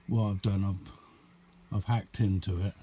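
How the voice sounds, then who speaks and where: Slowly and steadily, a man with a low, mellow voice rambles through an unscripted demonstration of a radio he made at home. His hobbyist show-and-tell is casual and understated, with a little hiss or hum in the background.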